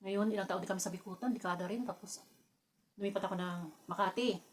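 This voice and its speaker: A woman from the Philippines chatting casually while eating, telling family stories with frequent laughter and lively bursts. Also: medium pitch, fast talker, slight background noise. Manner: laughs often, animated when telling anecdotes. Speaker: vlogger.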